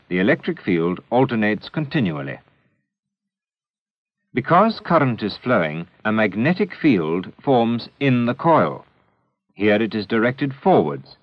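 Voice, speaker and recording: A lowish-voiced man reads the narration for a scripted educational film in a careful, instructive, deliberate way. The recording, taken from an old 16mm soundtrack, is dry and dull.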